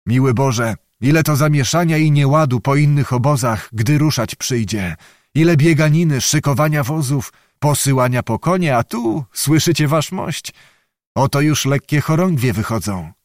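A man's voice: mid-range voice, animated, moderate pace, no room sound, studio quality, lightly acted. A man voicing a nobleman fond of soldiering, speaking with admiration. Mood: admiring. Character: eager nobleman who loves soldiering.

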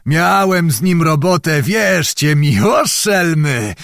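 Man voicing old nobleman, boastful, sly, fussy, raised pitch, drawn-out cries, dry recording. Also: lively intonation, vocal fry, a bit bright, no room sound, heavily acted. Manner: bragging, fussy, drawn-out exclamations.

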